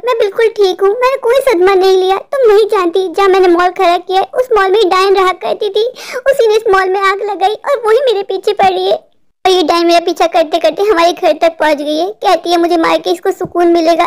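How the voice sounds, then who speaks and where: A woman's voice: very high voice, a little fast. A woman voicing a frightened, complaining husband in a cartoon, talking in a fretful, panicky way. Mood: anxious. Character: frightened, whiny adult husband, mall owner. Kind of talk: cartoon voice acting.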